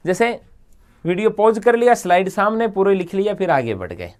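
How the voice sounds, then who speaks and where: A man's voice: sits high, lively intonation, moderate pace, a little mellow. A man teaching a grammar lesson in a classroom-style delivery. He drags out each example word as if dictating it. He poses questions to his students, answers them himself, and keeps asking listeners to repeat the words aloud with him.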